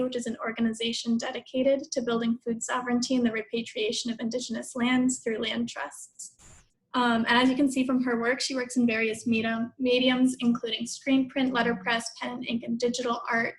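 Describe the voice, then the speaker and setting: A woman hosting a video-call webinar, her voice fairly high and gravelly. She reads an artist's introduction in a flat, even tone. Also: a little fast, poor audio. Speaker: webinar host. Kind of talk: introducing a speaker.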